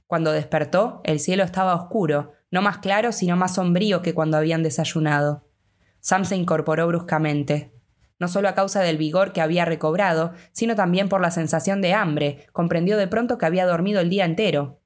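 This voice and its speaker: A female audiobook narrator with a Rioplatense Spanish accent reads scripted narration in a steady, measured way. Her voice is low-ish.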